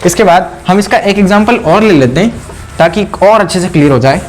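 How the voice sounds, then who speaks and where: A man teaching a whiteboard science lesson, asking questions and answering them himself, repeating key terms slowly. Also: sits high, expressive, a little hiss or hum. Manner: mixes in English phrases, repeats key words slowly. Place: indoor room.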